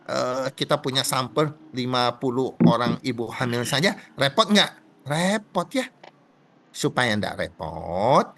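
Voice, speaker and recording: A middle-aged man lectures a class in a lively way. His pitch swings widely as he acts out little exchanges and keeps checking in with the listeners through rhetorical questions. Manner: acts out dialogue with pitch jumps.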